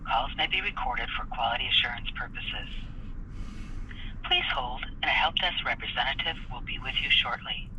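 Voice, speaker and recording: Man's recorded phone hold message, bright and lively. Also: medium pitch, normal speed, vocal fry, a little hiss or hum. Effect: recorded phone message played over the line. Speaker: help desk hold message. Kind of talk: formal scripted announcement. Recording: dull, muffled phone line.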